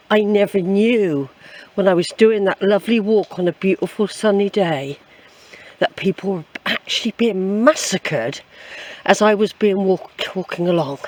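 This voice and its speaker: Out in the woods, an older woman with an English accent records a casual walking vlog, her mid-range voice captured by the camera she carries along the trail. She's a hiking vlogger whose commentary wanders in a chatty, reflective manner, often returning to the same phrases.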